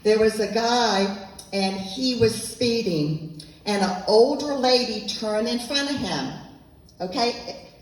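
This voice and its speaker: Speaking slowly in a fairly high voice, a woman addresses an audience as an author at a local event. She is earnest and emphatic and repeats points. Her handheld mic sometimes misses her, and the sound comes from far off in an echoey room with faint noise.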